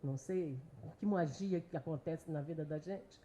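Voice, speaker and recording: A woman's voice: low-pitched, normal speed, dark tone, a little hiss or hum. A woman in the audience asking a curious, rambling question, rephrasing it several times. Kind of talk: panel Q&A.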